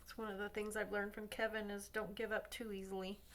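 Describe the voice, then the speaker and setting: A woman's voice: medium pitch, a little fast, slight background noise. Woman narrating a coloring demo, thinking aloud. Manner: relaxed, thinking aloud, drops to near-whispers at times. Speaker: craft tutorial host.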